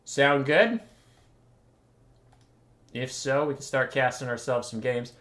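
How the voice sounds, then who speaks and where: Slow-paced and a bit bright, a mid-range male voice belongs to a stream host and tournament caster killing time before casting. His chat wanders, wry and self-mocking, with offhand swearing, over a desk mic while the camera is off.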